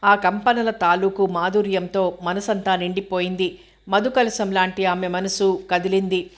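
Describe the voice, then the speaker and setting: A woman narrating an audio novel in a steady, measured reading voice. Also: mid-range voice.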